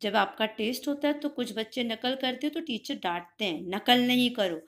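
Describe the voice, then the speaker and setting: A woman teacher giving a spoken English lesson to children, repeating each classroom phrase slowly and checking whether it is clear. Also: on the high side, expressive. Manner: slow, drilled repetition of English phrases with frequent "clear?" checks.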